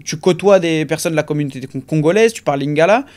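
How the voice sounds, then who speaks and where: Relaxed male interview host. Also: fairly high pitch, quick pace. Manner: relaxed, encouraging, short agreements. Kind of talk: casual interview questions.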